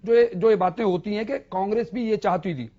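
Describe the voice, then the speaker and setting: A man's voice: sits high, brisk, mellow, lo-fi sound. A man speaking as a political analyst on a TV debate, emphatic and explaining with examples. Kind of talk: TV news debate.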